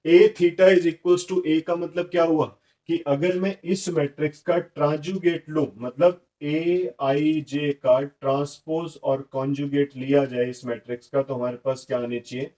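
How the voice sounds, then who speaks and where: Male math teacher, slow deliberate delivery, asks and answers own questions. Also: fairly high pitch, steady tone, mellow, low-quality recording. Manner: explains step by step, asking and answering his own questions; switches to slow, deliberate dictation when reading out matrix entries. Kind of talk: blackboard lecture.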